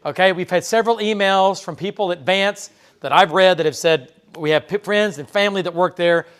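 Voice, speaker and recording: A man broadcasting live tornado coverage from a TV weather studio, his voice a touch higher than most men's. He talks through the radar in a loose, conversational way, dropping fillers and quick "okay?" checks. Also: a bit bright, smooth. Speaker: TV meteorologist.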